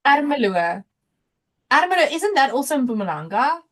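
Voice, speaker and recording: A woman's voice: high-pitched, very animated, normal speed, fairly bright tone. A South African woman hosting a casual livestream, chatty and thinking aloud as she reads out viewer comments. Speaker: livestream host and crafter. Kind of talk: casual live chat, reading out viewer comments.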